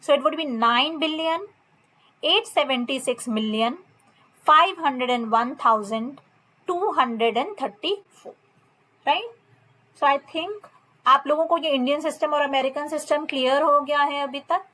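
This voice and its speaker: Slow, high-voiced Indian woman teaching maths. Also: bright, forceful tone. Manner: reads textbook lines slowly, explains in mixed Hindi and English. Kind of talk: classroom lesson explanation.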